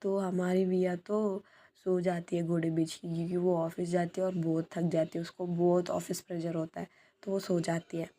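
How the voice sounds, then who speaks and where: A woman's voice: mid-range voice, dark tone. A woman hosting her channel, telling a love story in a casual, hesitant way with many filler sounds.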